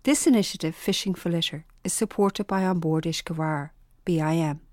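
A woman's voice: fairly low pitch, a little fast, warm tone, no echo, studio quality. A woman presenting scripted documentary narration in an earnest, emphatic manner.

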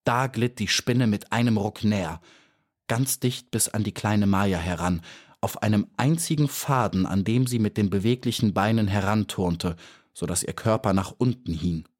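A man with a lowish voice reads a storybook aloud as an audiobook. His scripted narration is calm and measured, and he tells the story at an even pace.

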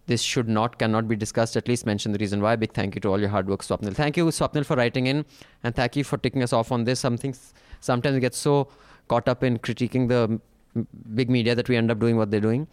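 Brisk North Indian male podcast host. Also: medium pitch, darkish tone, clean tone, no room sound. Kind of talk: casual chat and reading out listener mail.

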